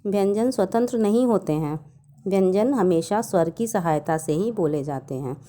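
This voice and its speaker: A woman school teacher giving a recorded grammar lesson, explaining slowly and asking her pupils questions. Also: medium pitch, animated, warm tone. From North India.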